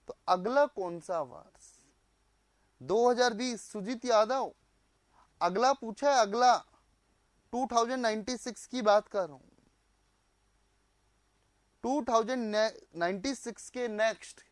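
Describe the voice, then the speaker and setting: A man's voice: high-pitched, no room sound. A male teacher running a live online class, quizzing students, repeating their answers back and mixing in English phrases.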